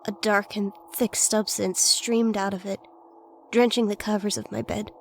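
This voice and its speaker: A woman's voice: medium pitch, level tone, moderate pace, gravelly. A woman reading a scripted first-person horror story as its narrator. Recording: faint noise and ambience behind voice.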